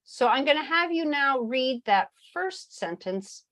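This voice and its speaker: A woman runs a teacher workshop through a video call microphone. Her voice sits a little high and swings lively up and down as she talks. She is chatty and animated, and laughs easily between points. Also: a little slow. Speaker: teacher trainer.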